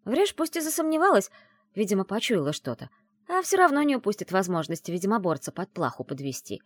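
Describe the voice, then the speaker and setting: A woman reading an audiobook and voicing a brash, teasing young woman who is the heroine's best friend, talking in a loud, mocking, bossy way. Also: medium pitch, big pitch swings, brisk, voice pushed up.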